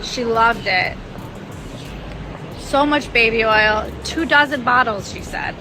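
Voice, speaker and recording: A woman's voice: on the high side, takes it slowly, over music, low-quality recording. A woman giving a gossipy on-the-scene recap of a trial. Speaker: trial reporter. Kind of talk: on-the-scene reporting.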